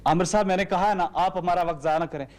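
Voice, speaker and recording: An actor playing a curt, impatient theatre director who dismisses people briskly, with a Pakistani Urdu accent. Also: male voice, sits high, a little mellow, close to an everyday voice. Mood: dismissive.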